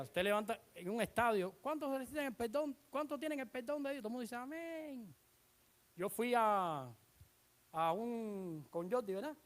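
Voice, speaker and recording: A preacher giving an animated sermon, retelling scripture with dramatic emphasis and asking the congregation rhetorical questions. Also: medium pitch.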